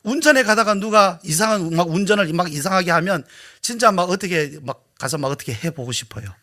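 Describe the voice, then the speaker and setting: Animated Korean pastor preaching a sermon. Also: male voice, high-pitched, a little fast. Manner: dramatic swings from hushed asides to loud emphatic questions. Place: church sanctuary.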